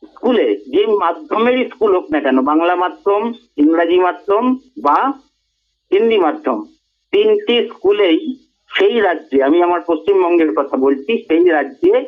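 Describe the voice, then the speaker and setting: A man gives an earnest radio talk as a guest speaker, making his points in measured, emphatic phrases. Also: fairly high pitch. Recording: tinny phone-like radio audio.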